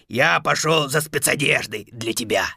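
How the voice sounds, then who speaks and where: A gravelly, bragging fairy-tale wolf. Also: male voice, mid-range voice, normal speed, sharp tone, no echo, studio quality, exaggerated voice. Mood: menacing. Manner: growling, menacing, mocking. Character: greedy boastful male wolf from a fairy tale. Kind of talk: audio fairy tale acting.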